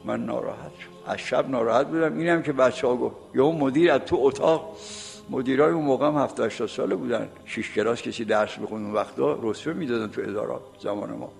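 Elderly male preacher, late 70s, gravelly voice, folksy storyteller, long reverb from a mosque hall. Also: mid-range voice. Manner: recites Arabic sayings slowly, then explains them in plain speech. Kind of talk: sermon.

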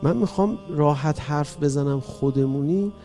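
A man preaching an emotional mourning sermon, swinging between loud cries and hushed tones. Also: a little high, faint music behind.

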